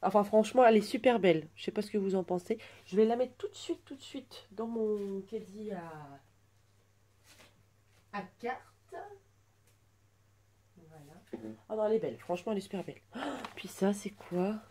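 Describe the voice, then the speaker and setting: A woman in her twenties chatting through an unboxing at home, gushing with soft exclamations. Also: medium pitch, moderate pace, pauses often. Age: 20s. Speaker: vlogger unboxing a birthday gift. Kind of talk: casual unboxing chat.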